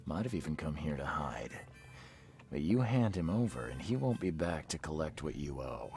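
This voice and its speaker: An actor playing a hard-boiled private investigator in a noir video game, gravelly, terse, dry and self-assured. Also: male voice, extremely low pitch, big pitch swings, moderate pace, darkish tone, soft background music, exaggerated voice. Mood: cool, pressing.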